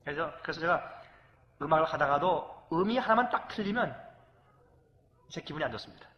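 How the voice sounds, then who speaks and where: A middle-aged man preaching as a pastor, animated, swinging from loud exclamations to hushed confession. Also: a little high, brisk, highs cut off, a little hiss or hum. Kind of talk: emotional sermon with acted anecdotes. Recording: long hall reverb.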